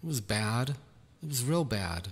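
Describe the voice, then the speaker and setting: Slow, earnest man with echo. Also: mid-range voice, sing-song, breathy edge. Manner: earnest, slow, repeats himself. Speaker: ministry leader. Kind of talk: personal testimony monologue.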